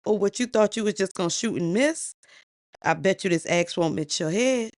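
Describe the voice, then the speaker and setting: A woman's voice: medium pitch, animated, normal speed, no room sound, studio quality, lightly acted. A woman voicing an angry, commanding male king who barks orders at his hunters. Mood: threatening. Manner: outraged, bossy.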